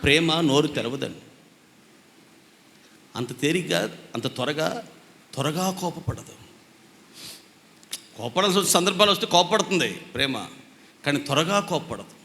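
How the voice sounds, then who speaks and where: A man's voice: a little high, animated, unhurried, vocal fry, pauses often, bright, forceful tone. A man preaching a sermon as pastor, telling stories, acting out quarrels and now and then breaking into sung lines. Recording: echoey hall reverb.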